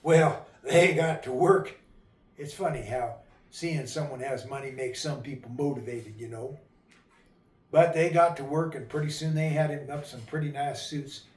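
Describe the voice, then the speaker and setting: A man's voice: mid-range voice, normal speed. Folksy man telling a tale. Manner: folksy, rural dialect, drawling asides. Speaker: storyteller. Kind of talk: folksy oral storytelling. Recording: echoey room, voice a bit far from mic.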